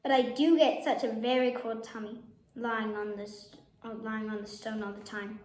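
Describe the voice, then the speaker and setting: A woman's voice: on the high side, flat delivery, normal speed, darkish tone, slight background noise, natural voice. A woman voicing a proud, grumbling but kindly male lion in a children's storybook, with a stately, slightly pompous manner. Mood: sad. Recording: echoey room.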